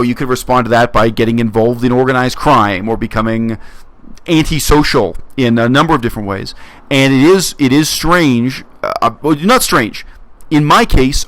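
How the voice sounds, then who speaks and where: A man from Canada talking earnestly to his viewers in a casual monologue, reflective and halting, often restarting his phrases. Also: medium pitch, fairly bright tone, dry recording. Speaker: YouTube commentator.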